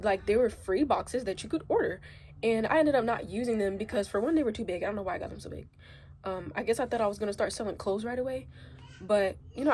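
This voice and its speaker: A young woman crying as she speaks a halting, emotional confessional vlog, her voice rising and breaking as she gets upset. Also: medium pitch, darkish tone, a little hiss or hum. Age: young adult. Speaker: vlogger.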